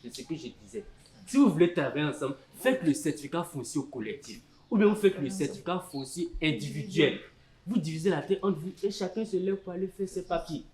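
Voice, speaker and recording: Brief: a man playing an authoritative village chief with an Ivorian French accent, calm and instructive, slightly high voice, echoey room. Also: fairly quick, lightly acted. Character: village chief mediating a land dispute, patient adult man. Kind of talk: community theatre acting.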